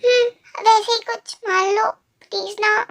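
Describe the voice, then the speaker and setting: A woman's voice: very high-pitched, steady tone, unhurried, slight background noise. A woman voicing a clingy, emotional young man who pleads and whines at his fiancée in a fan story. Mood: pleading. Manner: pleading and whiny. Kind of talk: Hindi dubbed fan story voice acting. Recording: soft music underneath.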